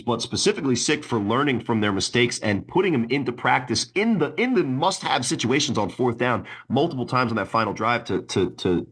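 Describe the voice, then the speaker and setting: A man's voice: mid-range voice, fairly bright tone, breathy edge. A man co-hosting a casual sports podcast, arguing bluntly and swearing, often restarting with repeated words. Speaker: podcast co-host.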